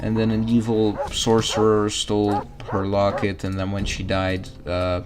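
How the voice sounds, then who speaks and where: A man's voice: on the low side, completely flat delivery, a little slow, over music. A man giving casual gaming commentary as a streamer, talking to viewers while he plays. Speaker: game streamer.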